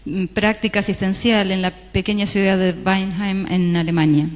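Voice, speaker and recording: At a moderate pace and with a level tone, a mid-pitched interpreter relays a religious talk one phrase at a time, with small hesitations. Long reverb from the large church hall fills the recording.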